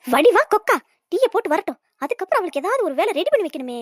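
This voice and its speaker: A shrill, very high-pitched old mother-in-law, put on by a woman,, nagging and sly in a cartoon comedy. She rattles off her lines fast, and the recording is dry and close. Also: sing-song, dry recording. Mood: scheming.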